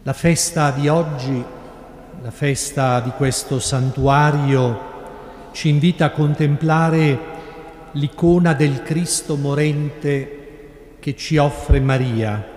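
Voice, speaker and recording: A middle-aged man with an Italian accent, a priest preaching a sermon in slow, measured phrases with long pauses. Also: a little high, steady tone, a little mellow. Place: large church sanctuary. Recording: echoey church with long reverb, live broadcast.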